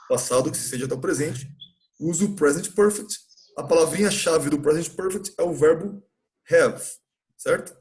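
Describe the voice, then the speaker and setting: A man's voice: high-pitched, darkish tone. A Brazilian man teaching an English class in a church classroom, patiently explaining grammar and often checking with his students.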